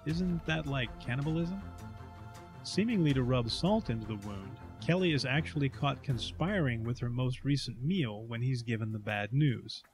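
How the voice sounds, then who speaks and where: A man narrates a game recap in a scripted style. His voice sits at an ordinary middle pitch, with light music underneath. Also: expressive, moderate pace, few pauses.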